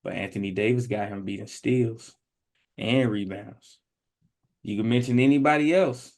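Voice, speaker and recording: A hoarse man co-hosting a sports podcast, talking in a loose, slangy and emphatic way. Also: on the low side, moderate pace, darkish tone. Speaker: podcast co-host. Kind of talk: casual sports chat.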